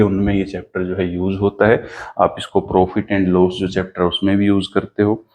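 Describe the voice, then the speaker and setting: Low-voiced man teaching a math lesson. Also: a little hiss or hum. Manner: steady step-by-step explaining, slow dictation of a problem. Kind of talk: exam-prep math lesson.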